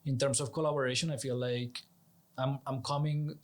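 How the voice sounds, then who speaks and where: A Colombian man, a native Spanish speaker with a Colombian accent, appears as an interview guest and executive director. His medium-pitched voice has a flat delivery at normal speed as he explains things in an earnest, persuasive, conversational way.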